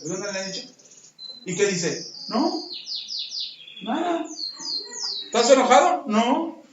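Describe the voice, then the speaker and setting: A man preaching a sermon as pastor, acting out bits of dialogue in lively voices. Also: very high voice, takes it slowly. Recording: roomy, distant, dull sound with faint noise.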